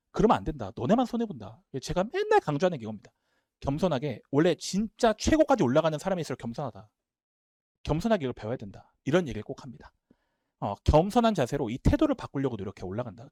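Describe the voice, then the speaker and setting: Fast, lively male lecturer. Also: fairly high pitch, dry recording, clean studio sound. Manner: emphatic, talks fast and animated. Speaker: Korean-language instructor. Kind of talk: admissions seminar lecture.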